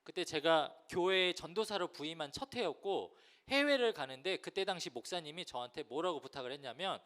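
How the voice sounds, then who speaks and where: Animated youth pastor, lively high voice. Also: male voice. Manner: animated, acts out quoted voices, addresses listeners directly. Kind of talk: lively youth sermon with storytelling.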